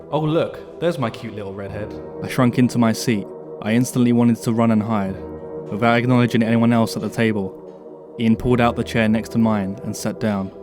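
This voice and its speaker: A man calmly reading a true scary story aloud as a narrator, in a measured, steady way. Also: on the low side. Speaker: narrator reading submitted stories. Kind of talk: scripted horror story narration. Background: background music.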